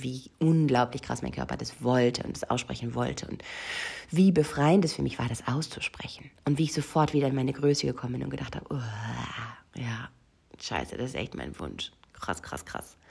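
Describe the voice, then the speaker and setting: A woman's voice: extremely low pitch, a little fast, creaky, a little mellow, slightly rough. A woman coach talking intimately to the listener in a personal monologue, often sinking into a whisper. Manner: addresses the listener directly. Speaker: session coach.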